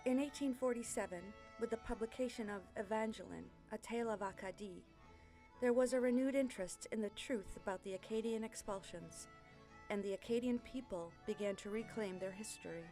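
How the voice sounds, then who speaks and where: Woman narrator, scripted documentary read, mid-range voice, instrumental music clearly behind. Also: mid-range voice, a little fast, dark tone.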